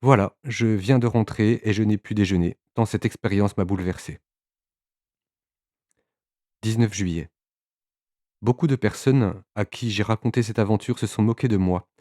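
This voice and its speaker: A man narrating a literary audiobook in a measured way, with occasional small hesitations. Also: fairly low pitch, darkish tone, dry recording, clean studio sound.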